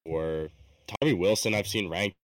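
A man's voice: deep voice, normal speed, dry recording, far from the mic. A man co-hosting a casual sports chat over a remote call, his voice cutting in and out on a bad connection. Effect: voice cutting in and out over a bad internet connection. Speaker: co-host.

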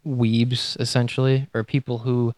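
A young man co-hosting a podcast, telling a story in a rambling, hesitant way that trails off quietly. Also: mid-range voice, flat delivery, measured pace, no room sound. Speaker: podcast co-host. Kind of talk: casual chat.

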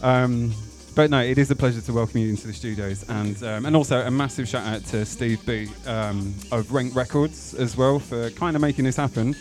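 A man's voice: mid-range voice, fairly quick, hardly any pauses, a little mellow. A man hosting a casual, chatty studio interview. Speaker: interview host. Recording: faint music behind the voice.

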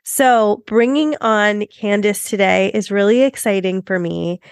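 A woman's voice: mid-range voice, measured pace, clean tone, dry recording, clean studio sound. A woman podcast host with a nasal, congested tone from being under the weather, chatting informally and enthusiastically to her listeners. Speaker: podcast host, business coach.

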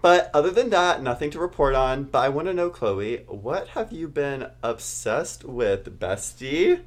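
A young man with a mid-pitched voice chats casually as a podcast co-host. His delivery is campy and gushing, full of slang and stretched-out words. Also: lively intonation, measured pace. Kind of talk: casual chat.

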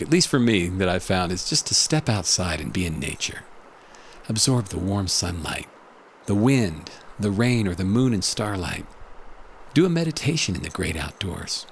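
A man hosting a guided meditation, narrating from a script in a calm, measured, soothing way. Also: sits low, slight background noise. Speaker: meditation podcast host.

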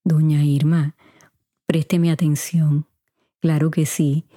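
Speaking straight to her listeners, a middle-aged Puerto Rican woman hosts a podcast and takes their questions at a relaxed, chatty pace, her accent kept mostly neutral. The voice sits low and level with a warm tone, and her studio mic in a home recording room picks up no room sound.

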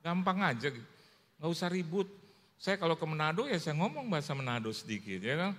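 A man preaching a sermon as pastor, animated and humorous, telling stories and acting out voices, in a church. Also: on the high side, fast talker. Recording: long church hall reverb.

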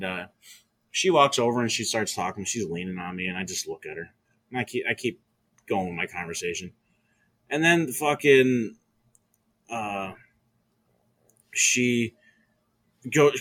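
A young man tells a story in casual, profane chat, ranting and swearing freely. His voice is bright and a bit husky. When he gets heated he gets much louder. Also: fairly low pitch, expressive, unhurried, pauses often.

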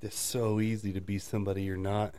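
Speaking fairly quickly in a dark-toned voice with little pitch movement, this man co-hosts a relaxed conversation. He tells stories, imitates people with high voices, and laughs frequently mid-sentence.

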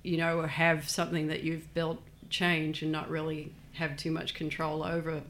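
A woman's voice: low voice, monotone, normal speed, fairly bright tone. An Australian woman talking easily as a guest in a casual interview about her business. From born in New Zealand, raised in Australia. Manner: chatty, easygoing. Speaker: guest, small business owner.

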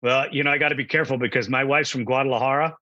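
A man hosting an interview podcast, asking questions in a friendly, relaxed way with fillers. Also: medium pitch, very fast, no room sound, muffled recording. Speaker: podcast host. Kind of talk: casual interview.

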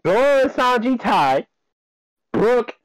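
Male co-host, emphatic debater, overdriven peaking mic with fuzz distortion, high lively voice. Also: slow pace, no room sound. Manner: emphatic, argumentative, talks over others. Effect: distorted, clipping mic. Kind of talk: casual chat debate.

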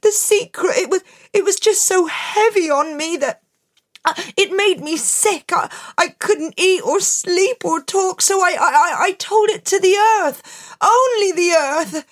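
A woman's voice: very high voice, measured pace, pitched above the performer's own voice. A woman voicing a terrified male barber who stutters and trembles through his confession.

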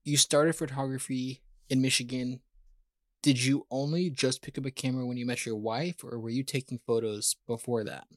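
A man's voice: mid-range voice, steady tone, moderate pace, no room sound, studio quality. Upbeat male podcast host. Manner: upbeat, enthusiastic. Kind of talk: casual interview hosting.

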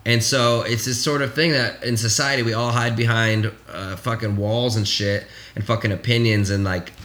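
A man's voice: mid-range voice, steady tone, moderate pace, a bit bright. A man in his late twenties, co-hosting a casual podcast chat, rambling candidly and swearing freely. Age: 20s. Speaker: podcast co-host.

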